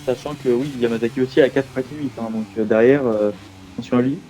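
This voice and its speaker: A man's voice: mid-range voice, fairly even intonation, fast talker, dark tone, a little hiss or hum, low-quality recording. A man adding casual remarks as co-commentator on a live motor race.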